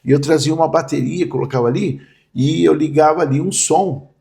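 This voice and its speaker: A man's voice: on the high side, brisk, gravelly, mellow. A man, a pastor vividly telling stories in a podcast interview. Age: 60s. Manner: vivid storyteller, acts out quoted voices.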